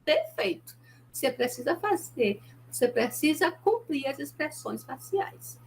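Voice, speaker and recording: A high-voiced woman with a Brazilian Portuguese accent teaches a recorded university lesson. She is animated, with pitch that leaps up when she acts out example exchanges, then settles back into explanation. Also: a little slow, a little hiss or hum. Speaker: university sign language lecturer. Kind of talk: recorded online lecture.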